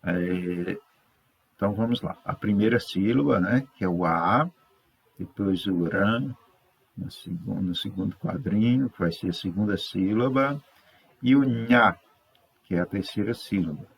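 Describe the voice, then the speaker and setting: A Brazilian man teaching a third-grade class, correcting exercises patiently, sounding words out slowly and checking in with his pupils. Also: fairly low pitch, creaky, slightly rough. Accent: Brazilian Portuguese. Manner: slow, stretches out words syllable by syllable.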